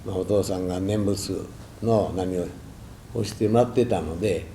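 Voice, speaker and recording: Older guy giving a buddhist talk, lowish mellow voice, lots of hesitations, roomy echo. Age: 60s or older. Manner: halting, reflective, with many drawn-out hesitations and folksy asides. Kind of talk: sermon with personal war recollections. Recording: echoey room, faint background noise.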